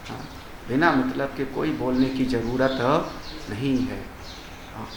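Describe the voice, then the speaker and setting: An older swami gives a Hindi discourse on Vedanta in an echoey hall, slowly chanting Sanskrit verses before explaining them conversationally with rhetorical questions. His voice is mid-range and fairly bright, with a little hiss or hum.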